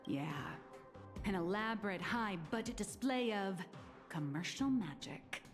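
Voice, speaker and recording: A woman's voice: medium pitch, expressive, unhurried, soft background music, natural voice. An actress playing a shrewd, confident businesswoman in a game, calculating and dry.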